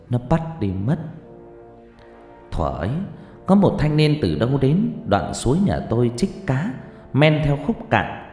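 Male audiobook narrator, warm and low, animated delivery for a ghost story, echoey with faint music. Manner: dramatic, expressive storytelling with shifting pitch. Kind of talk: first-person horror story narration. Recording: reverberant hall with background music.

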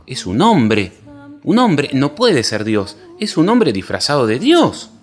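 A man's voice: medium pitch, huge pitch swings, slow, pitched above the performer's own voice. A man voicing a brave, insistent woman companion, who repeats herself emphatically. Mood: alarmed.

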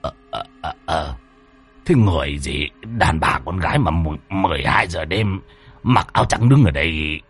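A man's voice: extremely low pitch, animated, normal speed, husky, soft background music, pitched below the performer's own voice, exaggerated voice. A man voicing a tipsy old male exorcist who blusters and stammers. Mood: fumbling.

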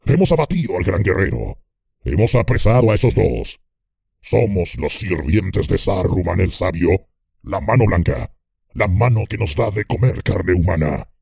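A hoarse, growling orc captain, as a male narrator puts him on, low and gravelly, barking orders as if nobody could argue. The audiobook voice is husky and recorded dry and close. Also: very animated, moderate pace, a little mellow, no room sound, full character voice. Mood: boastful. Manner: commanding, blunt. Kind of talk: audiobook character voice.

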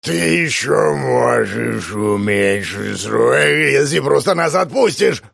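A man's voice: medium pitch, animated, slow pace, vocal fry, a bit bright, no echo, clean studio sound, full character voice. A man voicing a monstrous throat that mimics another man's voice, stuttering and distorted like a broken radio while it tunes itself. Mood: glitchy mimicry. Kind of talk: audiobook reading.

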